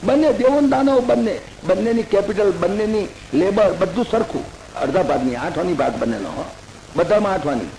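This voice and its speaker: A man giving a religious discourse as a lively folk story, acting out the characters' lines. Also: sits high, normal speed, reverberant, slight background noise, rough recording. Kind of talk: Bhagavata discourse retold in folksy everyday terms.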